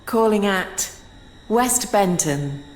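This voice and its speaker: A woman making formal, measured train station announcements over a public address system. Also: mid-range voice, expressive. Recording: echoey loudspeaker in a large hall.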